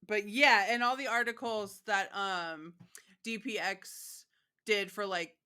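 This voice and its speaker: A woman from Michigan hosting a podcast in casual chat, talkative and quick to laugh, with plenty of fillers. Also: mid-range voice, steady tone, sharp tone, clear, resonant tone. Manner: chatty, laughs often, many fillers. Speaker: podcast host.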